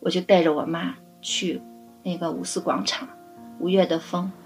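A middle-aged woman caring for her parents, telling stories in a lively way and laughing often. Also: fairly low pitch, moderate pace, faint music behind. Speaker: family caregiver guest. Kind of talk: casual interview storytelling.

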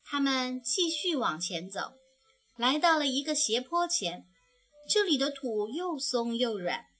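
A woman narrating a children's storybook in a soft, tender, slow manner. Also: high voice, sing-song.

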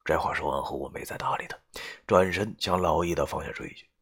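A man narrating a novel in the first person in a gruff, coarse, swearing manner. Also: rumbling low, a little fast. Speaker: audiobook narrator.

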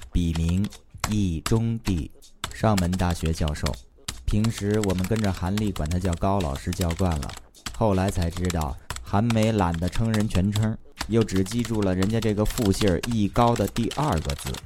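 Low-voiced Beijing man, wry comic narrator. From Beijing, China. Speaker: comic storyteller. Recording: clear background noise with keyboard clicks.

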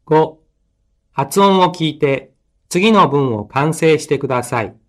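A man reading numbered instructions for a language listening course, slow and deliberate. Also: fairly high pitch, expressive, fairly bright tone.

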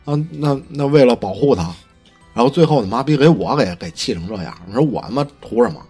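A man talks at a rapid clip with a husky, slightly breathy voice, his pitch swinging widely as he tells stories. He swears freely and restarts his sentences in a heated, casual podcast chat. Faint music plays underneath. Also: expressive, dark tone. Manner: profane, heated storytelling; stammering restarts. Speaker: podcast co-host.

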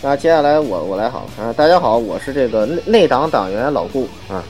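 A man on a casual group podcast who jokes in a deadpan, mock-serious way. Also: medium pitch, a little fast, soft background music. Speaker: podcast co-host.

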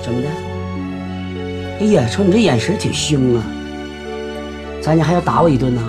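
An actor playing a stubborn, quick-tempered old village grandfather who scolds loudly. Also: on the high side, animated, over music, lightly acted. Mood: taunting. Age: older. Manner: loud, scolding, blustering.

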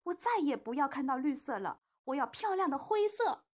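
A woman's voice: high voice, expressive, measured pace, fairly bright tone. A woman reading a storybook aloud and voicing a shy but stubborn little male wolf cub in a raised, childlike voice. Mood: insistent. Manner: eager, timid, childlike.

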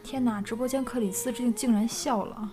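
A woman co-hosting a live chat stream, casual, giggly and animated. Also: on the high side, fairly quick, faint music behind.

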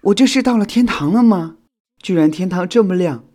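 A man's voice: high voice, expressive, fairly quick, warm tone, pitched above the performer's own voice. A man voicing a grateful, emotional young female firefly in a children's audio storybook, with a raised, pleading voice. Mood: dazed.

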